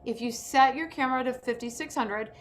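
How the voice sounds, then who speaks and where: She's the host and instructor of an informal self-tape acting workshop, teaching keenly over a video call in an indoor room. Her voice sits high and moves fairly quickly, and the call has background noise.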